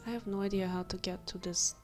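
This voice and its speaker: A woman's voice: medium pitch, fairly even intonation, fast talker, darkish tone, soft background music. A woman giving casual gameplay commentary, muttering and questioning herself as she thinks aloud. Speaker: gamer.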